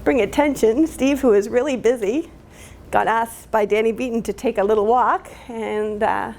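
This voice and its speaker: A woman speaking at a public talk, halting and emotional, with many fillers, recorded with faint room ambience. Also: a little high, darkish tone. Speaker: community activist speaker.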